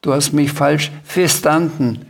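A man reading aloud and voicing a small, anxious blue dragon who cannot pronounce the letter R, speaking slowly and plaintively. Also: on the high side, fairly even intonation, vocal fry, heavily acted. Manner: slow, plaintive, can't pronounce R.

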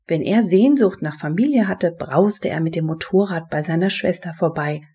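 Soft breathy woman reading a storybook. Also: fairly low pitch, normal speed. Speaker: audiobook narrator. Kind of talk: scripted storybook narration.

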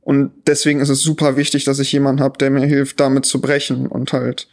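In a podcast interview, a thirtysomething journalist with a Rhineland German accent answers questions in a relaxed, thoughtful manner, saying "um" a lot. His voice is mid-range and he speaks fairly quickly.

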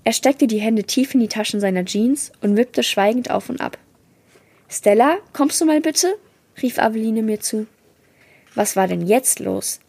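A woman's voice: creaky, a little mellow, slightly rough. A woman reading a children's novel aloud, lifting her voice for the dialogue. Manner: switches into livelier, higher voices for quoted dialogue. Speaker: reader of a book excerpt.

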